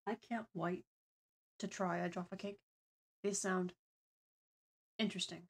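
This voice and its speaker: A woman's voice: lowish voice, steady tone, unhurried. A woman co-hosting a live stream, chatting casually and reading viewer messages aloud. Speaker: streamer co-host.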